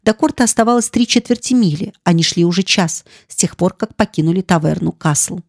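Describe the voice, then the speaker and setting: A woman narrating an audiobook in a measured, dramatic storytelling manner. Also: lowish voice, darkish tone, no room sound, clean studio sound. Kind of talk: scripted narration.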